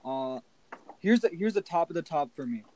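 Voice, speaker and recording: Podcast guy pushing back hard on basketball rankings, voice on the high side. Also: lively intonation, moderate pace, a little mellow, low-quality recording. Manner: assertive, argumentative. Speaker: podcast co-host. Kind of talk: casual sports debate.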